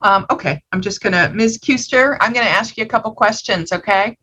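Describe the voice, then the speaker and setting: A woman's voice: medium pitch, fairly quick, pushed and bright, slightly rough, poor audio. A woman questioning a defendant as a judge, patient and plain-spoken.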